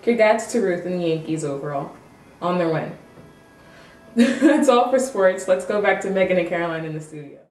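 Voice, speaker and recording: A woman plays a reporter, reading a scripted amateur mock newscast. Her voice is on the low side, animated and a little mellow, at a normal speed, recorded from a distant mic in an echoey room with faint noise.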